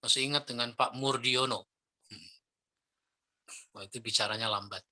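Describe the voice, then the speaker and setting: A middle-aged man lecturing on preaching technique, lively and demonstrating intonation with spoken examples. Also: medium pitch, moderate pace. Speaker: Islamic preacher trainer.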